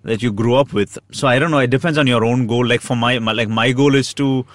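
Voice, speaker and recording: Man, Indian accent, mid-pitched, brisk conversational delivery, dry recording. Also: no echo. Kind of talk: casual conversation.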